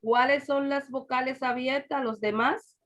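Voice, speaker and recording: Slow, patient woman teaching online. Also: high voice, fairly even intonation, fairly bright tone. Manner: patient, repeats examples and quizzes students. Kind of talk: online class lecture. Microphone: video call.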